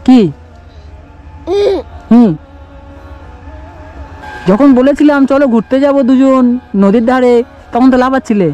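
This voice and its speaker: Man coaxing his little child, mellow. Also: very high-pitched, unhurried, long pauses, lo-fi sound, soft background music. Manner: coaxing, doting, talks softly to a small child. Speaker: father vlogging with his little daughter. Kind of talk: casual vlog talk to a child. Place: outdoors in tree shade on a hot day.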